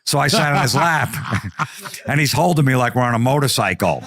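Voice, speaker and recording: A podcast guest with a mid-range voice and moderate pace tells a comedic story, swearing freely. He's animated and profane, acting out the voices of the people in his tale.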